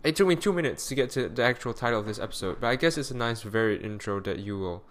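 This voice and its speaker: A man's voice: mid-range voice, expressive, quick pace. Male solo podcast host, tired weary voice, rambling self-correcting delivery, close home mic.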